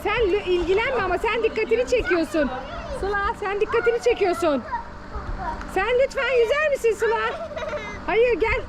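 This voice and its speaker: A woman hosting a family vlog outdoors by a pool, coaxing and calling to her dog in a lively way. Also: very high-pitched, moderate pace. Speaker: mother and vlog host. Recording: noisy outdoor recording.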